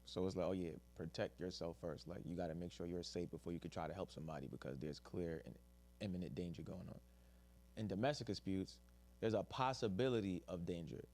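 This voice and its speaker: Low-voiced man hosting a casual podcast. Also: quick pace, a little mellow. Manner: loose, joking, slangy, breaks into a mock ad voice. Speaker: podcast host.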